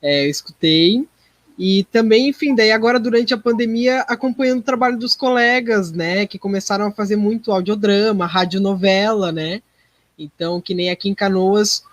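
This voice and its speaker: A man with a high voice, recorded without echo, answers casually as a podcast guest. A theatre performer, he sounds thoughtful and a little hesitant in the interview.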